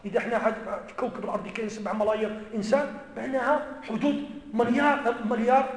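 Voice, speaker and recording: A man's voice: very high-pitched, fairly even intonation, rapid-fire. A man with an Algerian Arabic accent, a native Amazigh speaker, giving an emphatic mosque lecture and repeating key phrases. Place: large mosque hall. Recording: echoey mosque hall, long reverb.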